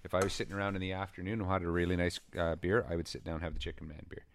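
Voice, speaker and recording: Gruff low-voiced man. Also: flat delivery, rapid-fire, a little hiss or hum. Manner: blunt, grumbling, exasperated in rants. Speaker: podcast co-host. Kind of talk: casual beer-tasting chat and comic rant.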